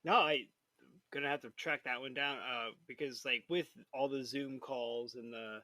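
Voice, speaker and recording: A man's voice: mid-range voice, steady tone, moderate pace, bright, forceful tone, dry recording. A man hosting a podcast interview, friendly and laughing often. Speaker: podcast host. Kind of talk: casual interview chat.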